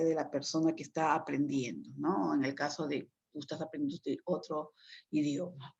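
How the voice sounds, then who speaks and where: A woman teaching a lecture, explaining at length and often checking in with her listeners. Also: low voice. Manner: explanatory, frequent tag questions. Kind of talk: online lecture. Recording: dull lo-fi sound.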